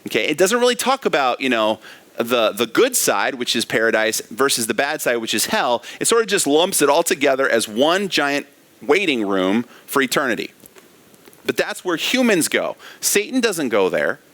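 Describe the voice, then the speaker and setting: A man's voice: medium pitch, big pitch swings, moderate pace, fairly bright tone. A man preaching an expository sermon as pastor, asking rhetorical questions and reading scripture with emphasis. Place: church.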